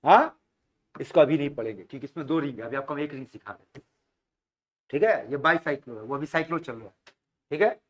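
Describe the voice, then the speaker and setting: A man's voice: medium pitch, animated, quick pace, long pauses. A man teaching chemistry in a classroom, coaxing students, repeating their answers back and prompting them by name.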